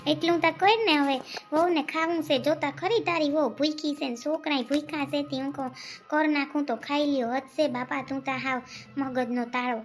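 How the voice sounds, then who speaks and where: A woman playing a sharp-tongued older village mother who nags and scolds loudly. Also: high-pitched, steady tone, normal speed. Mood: scolding. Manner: nagging, loud scolding.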